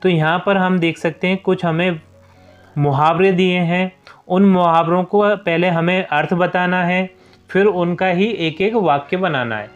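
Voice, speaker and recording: Man, fairly high voice, patient class teacher, faint music behind. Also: measured pace, lo-fi sound. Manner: patient, repeats the class address often. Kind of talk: Hindi class lesson for young pupils.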